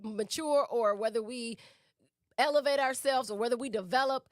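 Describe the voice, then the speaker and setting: On this clean studio track with no echo, a woman with a fairly high voice speaks at a moderate pace. As a co-host of a relationship talk show, she leans into emphasis, restates what matters most and asks questions she doesn't expect answered, all in a conversational teaching manner.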